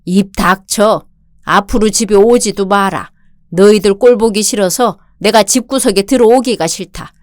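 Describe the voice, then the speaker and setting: A woman's voice: medium pitch, no room sound, studio quality, lightly acted. Woman reading as a bullying old father-in-law. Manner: barking insults and orders. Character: domineering older male father-in-law, bullying and contemptuous. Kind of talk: radio drama reading.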